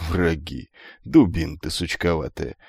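A man voicing a grumpy, gruff older gate-guard chief with a nasal, scolding manner in an audiobook. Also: extremely low pitch, expressive, unhurried, dry recording, clean studio sound, exaggerated voice.

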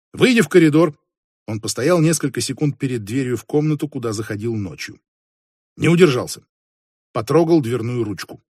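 Husky male audiobook narrator. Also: on the high side, no echo, clean studio sound. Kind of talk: scripted narration.

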